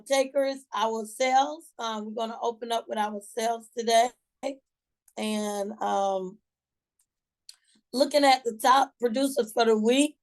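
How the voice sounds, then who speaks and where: A woman from Georgia with a Southern US accent speaks in a folksy, encouraging, colloquial way, leading a motivational sales team call. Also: fairly high pitch. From Georgia, USA. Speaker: sales team leader hosting a morning call.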